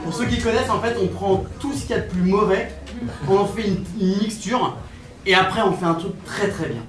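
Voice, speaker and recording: A woman performing live improv comedy on stage, excited and rapid-fire, recorded from far off in an echoey theater. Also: mid-range voice, faint music behind.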